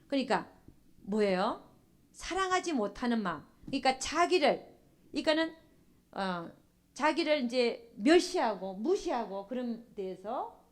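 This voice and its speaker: A middle-aged woman pastor giving a sermon. She keeps asking the congregation questions and acts out what believers think. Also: fairly high pitch. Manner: animated preaching, asks the congregation questions, acts out church members' thoughts.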